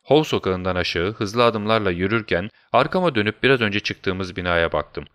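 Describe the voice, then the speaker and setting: A man narrating a story in the first person, in a measured storytelling manner. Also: on the low side, animated, a bit bright. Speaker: audiobook narrator.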